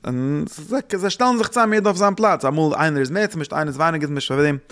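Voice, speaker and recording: Halting man teaching. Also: a little high, fairly bright tone. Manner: halting, repeats and restarts phrases, thinks aloud. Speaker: religious teacher. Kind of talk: religious lesson.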